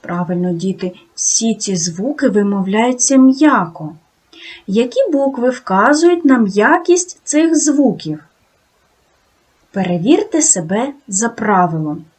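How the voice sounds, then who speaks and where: A woman teaching a video lesson to second graders, talking slowly and sing-song and praising the children often. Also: on the high side, lively intonation, darkish tone, husky. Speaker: primary school teacher.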